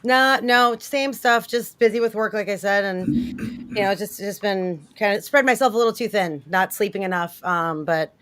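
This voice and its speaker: A woman's voice: mid-range voice, moderate pace, a bit bright. A woman speaking as a returning panelist over a group video call, casual and hesitant, with many ums and uhs. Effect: voice heard over a group video call. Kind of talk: casual chat. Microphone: computer mic on a video call.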